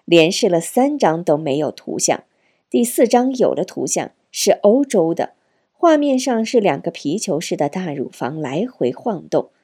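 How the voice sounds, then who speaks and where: A woman narrating a novel as an audiobook in an expressive storytelling manner. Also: on the low side, moderate pace, breathy edge. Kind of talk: novel reading.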